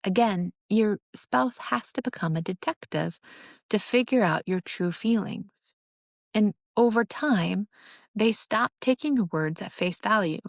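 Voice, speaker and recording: Female host, instructive and earnest, gravelly edge, dry studio read. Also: mid-range voice, lively intonation, unhurried, dry recording. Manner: earnest, instructive, acts out sarcastic examples. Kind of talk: teaching monologue on relationships.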